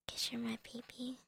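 A young woman whispering softly and teasingly into a close microphone, breaking into little laughs, in an ASMR girlfriend roleplay. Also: a little high, vocal fry.

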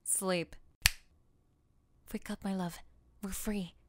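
A woman voicing a calm young woman who frees her boyfriend by counter-hypnosis, speaking softly and soothingly in an audio roleplay. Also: mid-range voice, slow, no room sound, close to an everyday voice. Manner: soft, whispery, soothing hypnotic delivery.

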